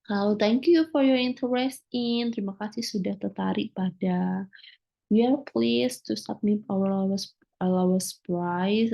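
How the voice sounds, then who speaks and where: A woman teacher giving a recorded lecture, explaining slowly with many filler sounds and reading English phrases aloud before translating them. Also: medium pitch, gravelly, highs cut off.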